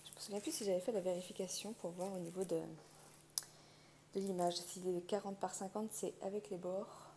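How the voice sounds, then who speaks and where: A woman with vocal fry and a gravelly morning voice, chatting through an unboxing and thinking aloud. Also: lowish voice, steady tone, a little fast. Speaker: craft unboxing host. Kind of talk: casual unboxing chat. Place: indoors at a wooden table. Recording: handling clicks and crinkling noise. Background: crinkling plastic, clicks.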